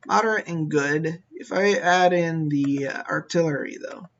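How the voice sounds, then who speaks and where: Slow-talking man musing over a game. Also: fairly high pitch, a bit bright, dull audio. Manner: slow, musing, talks to his units. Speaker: gameplay commentator. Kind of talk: casual strategy game commentary.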